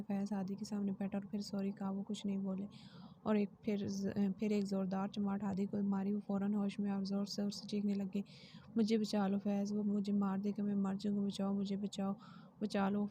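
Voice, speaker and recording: A woman narrating a novel in the first person, steady and even. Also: medium pitch, a little hiss or hum.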